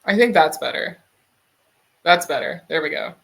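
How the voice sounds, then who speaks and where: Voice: mid-range voice, animated, normal speed, vocal fry, fairly bright tone. A streamer in a casual drawing stream, musing aloud and swearing casually.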